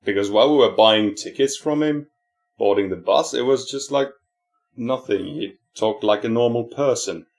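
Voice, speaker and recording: A man's voice: medium pitch, moderate pace. A man with a Finnish accent co-hosting a podcast, telling rambling stories and laughing often. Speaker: podcast co-host. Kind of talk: casual podcast storytelling.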